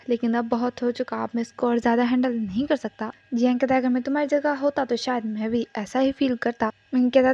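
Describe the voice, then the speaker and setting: A woman's voice: fairly high pitch, warm tone, dull audio. A woman narrating a casual plot recap. She retells the scenes line by line and quotes each character plainly.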